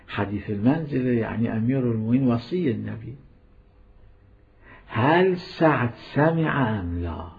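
A man giving a religious lecture, emphatic and repetitive, swinging between loud stress and hushed asides. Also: mid-range voice, gravelly. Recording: tinny phone-like lo-fi recording.

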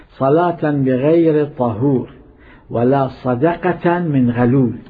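A man's voice: medium pitch, creaky. A man with an Iraqi Arabic accent preaching a sermon as a cleric, emphatic and scolding, repeating his points. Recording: tinny phone-like sound.

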